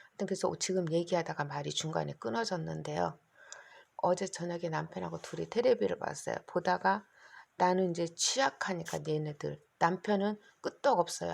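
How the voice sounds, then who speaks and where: A middle-aged woman talks to her phone camera in a casual, rambling monologue, sounding anxious and running on in long stretches. Her voice is on the low side, gravelly and husky, and she's hoarse, repeatedly clearing her throat.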